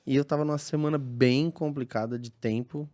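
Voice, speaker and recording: A man from São who owns a burger restaurant, telling a workplace story on a podcast, acting out the dialogue with animated voices. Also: mid-range voice, normal speed. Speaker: burger restaurant owner, guest.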